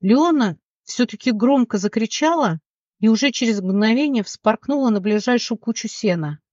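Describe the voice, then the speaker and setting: Here an audiobook narrator voices a fantasy novel, steady and dramatic, at a moderate pace and mid pitch. There's no room sound; the close, dry recording has a slightly dull high end.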